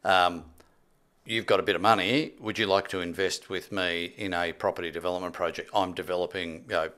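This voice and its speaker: A property development expert in his sixties appears as a podcast guest, telling stories conversationally and emphatically. His low-pitched voice is steady, brisk, a bit bright and clean. He speaks into a close boom-arm studio microphone, wearing headphones, in a small indoor podcast studio.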